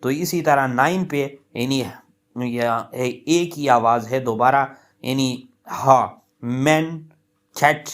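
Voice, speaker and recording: A man's voice: medium pitch, a bit bright. A man teaching a lecture on English pronunciation, explaining patiently with many fillers, repeating points and stretching out example words.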